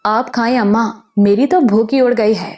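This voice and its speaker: Female narrator doing bashful young woman, hesitant and stammering, higher mellow voice. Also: steady tone, soft background music, close to an everyday voice. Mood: shy. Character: shy, innocent young woman. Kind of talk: audiobook character voice.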